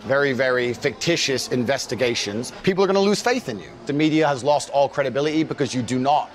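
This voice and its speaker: A man's voice: medium pitch, fast talker. A man answering interview questions defensively and emphatically, for a documentary. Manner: defensive, emphatic, rising to indignation.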